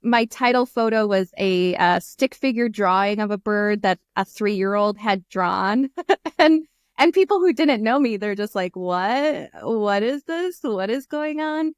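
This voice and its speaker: Chatting casually as a guest over a video call, this American woman in her thirties speaks a little slowly in a mid-range voice with lively intonation, laughing frequently and leaning on fillers. She's in a small indoor room using an earphone mic, and the audio is clean studio sound with no room sound.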